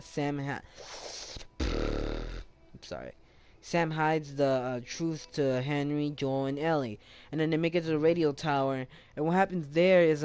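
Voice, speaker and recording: A man's voice: mid-range voice, a little mellow, smooth. A young man casually retelling a video game's story, rambling, with many self-corrections and restarts. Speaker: gaming channel host. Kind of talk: casual game story recap.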